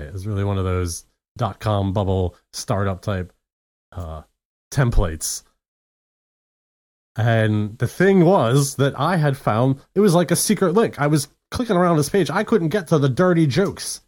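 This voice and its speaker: Brief: man, podcast co-host, loose rambling storyteller, laughs a lot, mid pitch. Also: expressive, measured pace, darkish tone. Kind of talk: casual chat.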